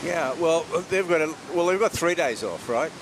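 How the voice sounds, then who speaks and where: A man's voice: lively intonation, normal speed. A man chatting casually as a live surf contest co-commentator. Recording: clear outdoor noise and low rumble.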